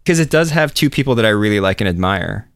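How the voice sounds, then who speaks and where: A man chatting casually on a podcast, relaxed and rambling, with a self-deprecating manner. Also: fairly low pitch, fast talker, no room sound, clean studio sound. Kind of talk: casual chat.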